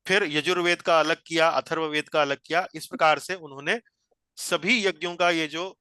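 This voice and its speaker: A man's voice: a little high, fairly even intonation, normal speed, sharp tone, clear, resonant tone, dry recording. A man teaching a scripture study class over a video call, explaining each point patiently and repeating phrases as he guides a reader.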